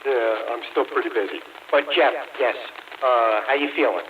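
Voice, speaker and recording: An older man comes through a CB radio, his voice thin, narrow and distant, with steady static hissing behind him. He chats in a friendly, easygoing way and drops in radio lingo. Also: mid-range voice, normal speed. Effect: heard over a CB radio. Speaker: CB radio operator. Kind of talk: casual CB radio chat. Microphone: CB radio handset.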